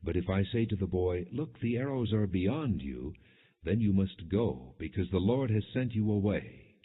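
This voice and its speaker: A man narrates scripture as an audiobook, reading the story and its quoted dialogue in a measured, expressive way. His voice is low and slightly rough. The audio is muffled and narrowband, like a phone line.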